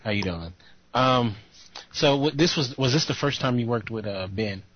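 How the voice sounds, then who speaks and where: A man's voice: medium pitch, normal speed. A man hosting a live radio-style call, joking loosely with his guests. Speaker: show host. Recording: dull lo-fi call audio.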